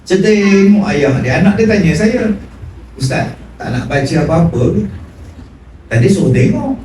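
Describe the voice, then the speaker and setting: A man preaching a sermon, telling stories animatedly and acting out dialogue with big swings in pitch. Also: big pitch swings, moderate pace, darkish tone. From Malaysia. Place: prayer hall. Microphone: phone recording from the audience. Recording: echoey hall from far off with room noise.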